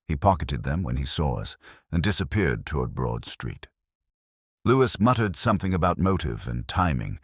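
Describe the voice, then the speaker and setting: A man plays a brooding, erudite middle-aged detective, narrating his case in a measured, literary, reflective style as scripted mystery narration. His very deep voice is exaggerated, captured in clean studio sound with no echo.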